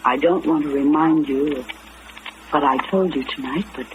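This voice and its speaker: An actress in an old radio drama playing a composed, frank woman counseling a friend in a measured, firm way, on a muffled, noisy recording. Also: low voice, close to an everyday voice. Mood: probing, earnest.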